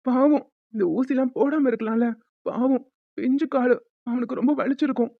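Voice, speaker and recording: A woman voicing a soft-hearted young father in a cartoon, fretful and doting. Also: sits high, normal speed, dry recording, phone-quality sound. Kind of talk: cartoon voice acting.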